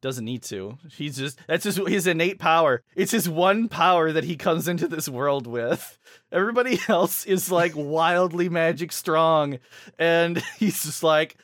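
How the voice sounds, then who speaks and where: A man co-hosting a podcast in casual chat, animated and laughing often as he retells scenes. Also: on the high side, a little slow, no room sound, clean studio sound. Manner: animated, laughs often, quotes characters in funny voices. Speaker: podcast co-host.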